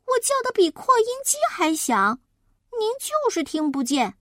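A woman voicing a noisy, cheeky little boy who talks high, loud and insistent. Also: huge pitch swings, moderate pace, dry recording, studio quality, heavily acted.

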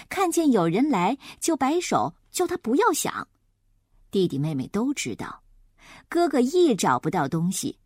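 A woman reading a children's story aloud with an expressive, animated delivery. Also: a little high, no room sound, clean studio sound.

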